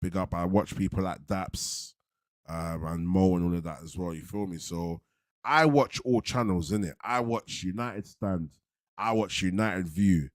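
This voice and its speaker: A man's voice: deep voice, measured pace, no room sound, clean studio sound. A man with a London roadman accent chatting casually to livestream viewers, laid-back and slangy, often repeating himself. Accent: London roadman, multicultural urban slang. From London, England. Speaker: football fan channel host.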